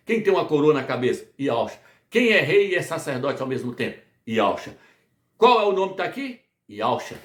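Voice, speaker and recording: Man from Brazil, preacher, Bible study, higher voice, rhetorical questions, repetitive, echoey room. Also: big pitch swings, fairly quick. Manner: repetitive call-and-response questioning.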